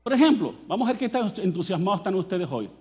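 A Colombian man with a Colombian accent preaching a sermon as pastor, animated and joking as he addresses the congregation directly. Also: high-pitched, quick pace.

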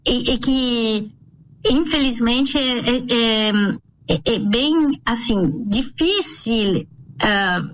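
An expert interview guest, a middle-aged woman from France whose first language is French, explains with a French accent, pausing and repeating words as she searches for them. Her voice is a little high and a bit bright; the audio is poor, with slight background noise.

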